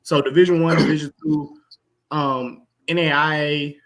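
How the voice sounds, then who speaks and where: A man's voice: on the high side, steady tone, moderate pace, fairly bright tone. A man hosting a basketball podcast, laid-back and chatty, laughing and talking over his co-hosts. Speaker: podcast host. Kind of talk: casual sports podcast chat.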